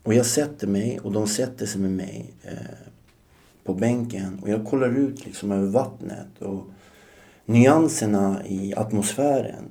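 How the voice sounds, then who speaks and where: Low, gravelly man in his forties. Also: dark tone. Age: 40s. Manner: reflective, frequent hesitations. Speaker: podcast guest. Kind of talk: personal storytelling.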